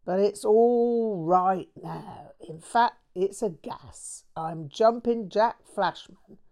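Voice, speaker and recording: In an audiobook, a woman with a warm, mid-range voice speaks slowly while playing a brash, foul-mouthed Englishman who is bitter, manic and packed with slang. She sounds defiant, swearing freely and breaking into bursts of manic cackling.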